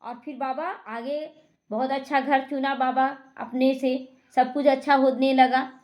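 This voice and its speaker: A woman gives a spiritual talk with a high voice. She tells a personal story and acts out the lines of the people in it. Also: level tone, a little slow, a little mellow. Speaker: spiritual teacher.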